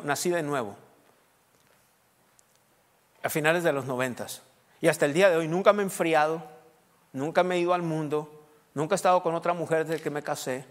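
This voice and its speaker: Middle-aged man, pastor preaching, emphatic, high voice, long hall reverb. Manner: emphatic, rising to loud peaks when listing points. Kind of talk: sermon.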